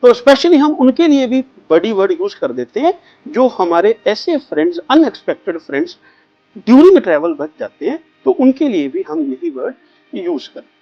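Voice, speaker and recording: A man teaches travel vocabulary, speaking with a very animated, swinging pitch and stretching the terms out so learners can repeat them. The recording is dry and close, with a slightly dull, muffled sound. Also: no echo, soft background music. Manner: explains slowly, drawing out English words for the learner to repeat. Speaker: English teacher. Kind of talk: spoken vocabulary lesson.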